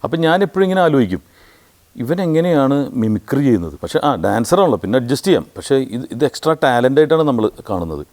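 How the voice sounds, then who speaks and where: A middle-aged man from Kerala with a Malayali accent, a comedian telling anecdotes about his career in casual, animated storytelling with a thin, squeezed voice. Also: mid-range voice. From Kerala, India. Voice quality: thin squeezed voice, which he says sounds like a duck grabbed by the neck. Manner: animated anecdotes with quick mimicry of other voices.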